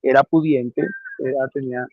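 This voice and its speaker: A man's voice: mid-range voice, steady tone, normal speed, no room sound, muffled recording. A man preaching a homily on the day's readings, earnest and repeating key phrases for emphasis.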